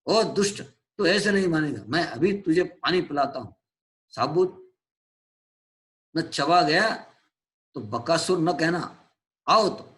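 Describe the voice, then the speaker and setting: A man doing a haughty man-eating demon from a classroom play reading, barking threats and demands. His voice swings between low growls and sharp shouts, with a slightly high base tone. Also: expressive, slow pace, pauses often. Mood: threatening. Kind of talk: classroom read-aloud of a play.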